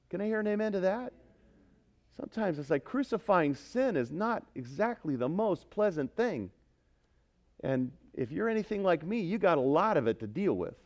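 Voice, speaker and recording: Emphatic high-voiced male preacher. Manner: emphatic, swings from loud exhortation to quiet earnestness; asks the congregation questions. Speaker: pastor. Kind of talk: sermon.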